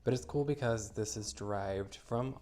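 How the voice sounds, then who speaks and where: Heavy background noise surrounds a man whose voice sits on the low side and moves at a moderate pace. Recovering from a cold, he sounds stuffy and a little wheezy. As the product's maker, he walks through a casual demonstration with upbeat step-by-step explanations.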